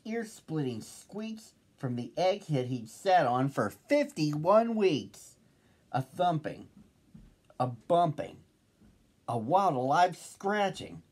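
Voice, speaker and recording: A man reading a children's picture book aloud as host, with a slow, lively storyteller's lilt. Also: medium pitch, breathy edge.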